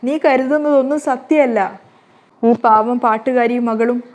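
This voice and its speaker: A woman's voice: a little high, fairly even intonation, moderate pace, a little mellow, natural voice. A woman reading as a grieving, stern mother. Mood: tearful. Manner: tearful, then firm and dismissive. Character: grieving middle-aged mother, secretive, loving yet stern.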